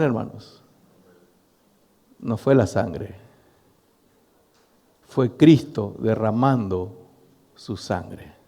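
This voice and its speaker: A middle-aged male pastor, preaching a sermon and telling a story to his congregation. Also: medium pitch. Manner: storytelling, addressing the congregation as brothers, animated. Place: church hall. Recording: long reverb of a church hall.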